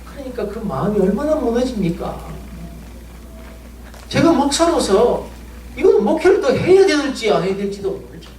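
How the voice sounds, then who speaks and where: A man's voice: very high voice, very animated, moderate pace, darkish tone, soft background music. A male pastor preaching a sermon, telling an emotional story full of pleading rhetorical questions. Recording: roomy church sound, mic at a distance, faint ambience.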